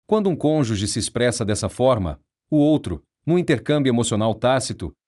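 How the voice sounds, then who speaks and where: Steady male audiobook narrator. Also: mid-range voice. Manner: measured, steady, explanatory. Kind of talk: nonfiction audiobook reading.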